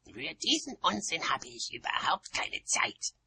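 A woman's voice: a little high, wildly swooping pitch, measured pace, vocal fry, bright, forceful tone, breathy edge, no room sound, voice pushed up, heavily acted. Oma Wetterwachs, a woman hissing as a stern old witch. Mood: curt. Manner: hissing, half-whispered, cutting. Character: stern, proud old witch, sharp-tongued.

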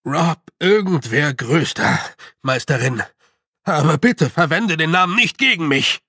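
A man voicing a tiny, tough clan chief of little fairy men who speaks slowly, nervously and deferentially. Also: on the high side, lively intonation, sharp tone, husky, no room sound, clean studio sound, heavily acted.

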